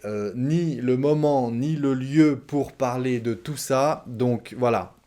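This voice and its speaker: A man with a French accent teaching a relaxed spoken lesson, explaining patiently and acting out short example exchanges. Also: mid-range voice.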